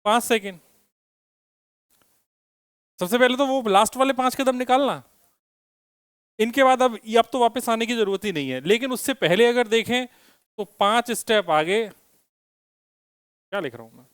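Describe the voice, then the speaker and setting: High-voiced man teaching physics. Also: expressive, normal speed, pauses often, a bit bright, smooth, no room sound, clean studio sound. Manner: asks students questions, teasing and joking. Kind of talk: classroom lecture with students. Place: classroom.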